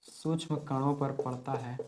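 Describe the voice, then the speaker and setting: A man's voice: medium pitch, fairly even intonation, normal speed, a little hiss or hum. Man teaching physics. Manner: explains step by step, repeats key words. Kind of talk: classroom lesson at a board.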